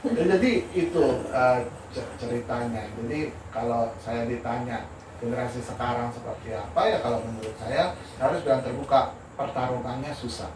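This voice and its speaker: An older man, an architect and lecturer, giving a candid, animated informal talk and laughing as he tells stories. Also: mid-range voice, normal speed. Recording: roomy, distant mic with noisy ambience.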